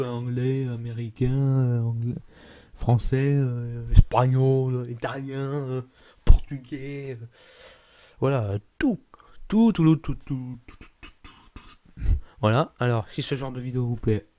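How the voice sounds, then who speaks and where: A man's voice: medium pitch, warm tone. A man with a Belgian French accent, chatting casually to his viewers, rambling and often stumbling over words and correcting himself. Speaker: YouTuber. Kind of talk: casual vlog talk.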